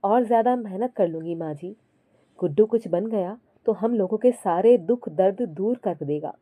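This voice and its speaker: A woman voicing a hardworking, devoted mother who speaks quietly and softly. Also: mid-range voice, moderate pace, no room sound, lightly acted. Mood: gentle. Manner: quiet, soft-spoken.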